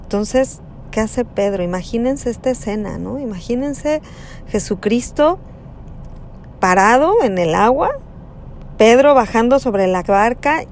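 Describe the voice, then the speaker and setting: A woman giving a slow, conversational reflection on a Gospel passage, often adding tag questions. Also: a little high, darkish tone, a little hiss or hum. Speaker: preacher.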